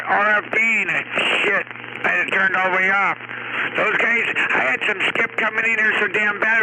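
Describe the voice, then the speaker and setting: High-voiced man talking trucker CB radio lingo. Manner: drawling and profane, heavy with trucker CB lingo. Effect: heard over a CB radio channel. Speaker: CB radio operator. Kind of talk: casual CB radio chatter. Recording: loud static over CB radio.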